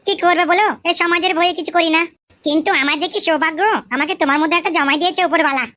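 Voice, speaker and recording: A cajoling mother-in-law, voiced by a woman sweet-talks in a high, quick voice. She coaxes and pleads with every line. It is a comic village skit. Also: steady tone, sharp tone. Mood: coaxing. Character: coaxing middle-aged mother-in-law, thirties by her claim.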